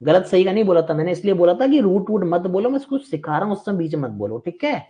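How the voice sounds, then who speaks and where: A man's voice: high-pitched, big pitch swings, fast, mellow. A man teaching a live online maths class, chatty and reassuring but firm with students who interrupt.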